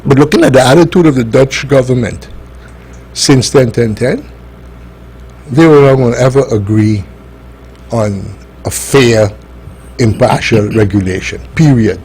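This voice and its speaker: Man, Aruban accent, medium pitch, emphatic, opinionated, political talk show commentary. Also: a little slow, pauses often, darkish tone, husky. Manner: emphatic, argumentative, rhetorical questions.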